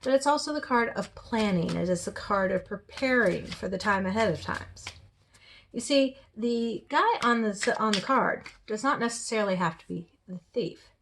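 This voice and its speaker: A woman's voice: mid-range voice, expressive, moderate pace, creaky, a bit bright, a little hiss or hum. A woman giving a spoken tarot reading with firm, direct advice. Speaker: tarot reader.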